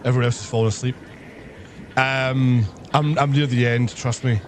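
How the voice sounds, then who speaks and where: A man streamer telling a story casually on a live stream, swearing heavily and animated in his retelling. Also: mid-range voice, normal speed, a little hiss or hum.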